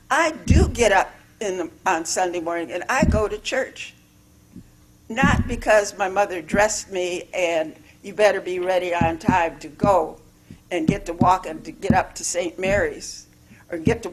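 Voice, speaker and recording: Slow, rambling woman preacher. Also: lowish voice, a little hiss or hum. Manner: rambling, repetitive, emphatic. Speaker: spiritual living speaker. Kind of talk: informal sermon. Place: church sanctuary.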